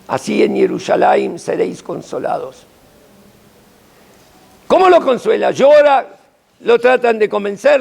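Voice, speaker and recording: Gravelly, slow-speaking older rabbi. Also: male voice. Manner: dramatic, emphatic storytelling with sudden pitch swings. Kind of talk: sermon.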